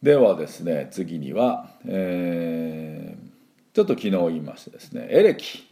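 A man's voice: deep voice, big pitch swings, a little slow, gravelly, mellow. A man running an English pronunciation lesson as the school's principal, drilling sounds aloud and having listeners repeat after him in a chatty, encouraging way. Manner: chatty and encouraging, with filler words.

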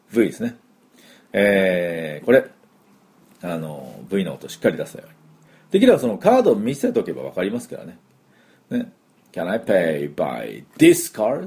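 A middle-aged man teaching English phrases in a spoken lesson, explaining patiently and modeling each phrase slowly for listeners to repeat. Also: fairly low pitch, mellow.

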